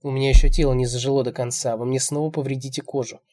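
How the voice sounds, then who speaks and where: A man's voice: mid-range voice, little pitch movement, fast, warm tone, close to an everyday voice. A man reading an audiobook, voicing a frightened young woman who pleads timidly. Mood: pleading.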